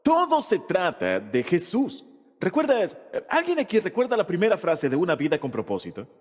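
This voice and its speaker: Husky man preaching in a reverberant hall. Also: high voice, wildly swooping pitch, normal speed. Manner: emphatic preaching delivery with rhetorical questions. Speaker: Spanish voice-over of a pastor's sermon. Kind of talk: sermon.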